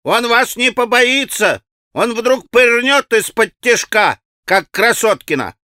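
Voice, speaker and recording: A man voicing a rowdy gang of schoolboys in an audiobook, shouting and taunting. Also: high-pitched, very animated, moderate pace, no room sound, studio quality, voice pushed up, full character voice.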